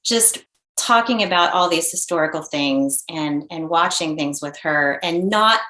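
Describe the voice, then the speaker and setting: A woman in her forties, a mother and interview guest, telling a personal story in an earnest, halting way with many restarts. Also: low-pitched, sharp tone. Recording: roomy echo.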